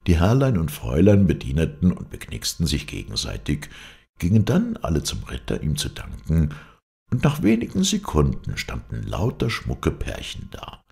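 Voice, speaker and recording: A man reading a fairy tale aloud, expressive and dramatic. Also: extremely low pitch, vocal fry. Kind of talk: storybook narration.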